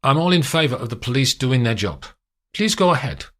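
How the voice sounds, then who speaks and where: A man voicing a calm, composed wealthy man answering police questions. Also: medium pitch, a little fast, voice pushed up, lightly acted.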